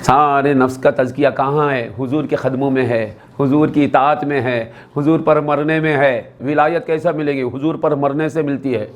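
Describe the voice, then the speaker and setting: A man giving a religious sermon at a gathering, asking the audience questions and repeating the answers, and acting out quoted dialogue in a raised voice. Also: on the high side. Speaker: Islamic scholar preaching.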